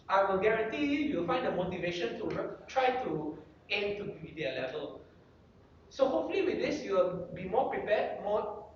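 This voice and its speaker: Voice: medium pitch, slight background noise. A guest speaker giving public speaking tips at a club meeting, coaching with checklist questions. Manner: animated coaching delivery, rhetorical checklist questions. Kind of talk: motivational speaking workshop talk. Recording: very echoey room, distant dull lo-fi mic.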